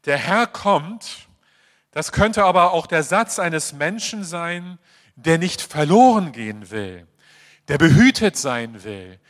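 A male preacher delivering a sermon, acting out quoted voices and swinging between emphatic passages and quiet, confiding asides. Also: sits high. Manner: animated, acts out quoted voices. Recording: long hall reverb.

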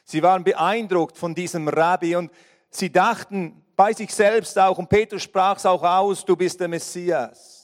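A man preaching a sermon, telling the story with strong rises and soft, hushed drops. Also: sits high, steady tone, unhurried. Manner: storytelling, swinging between loud stresses and near-whispers. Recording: long hall reverb.

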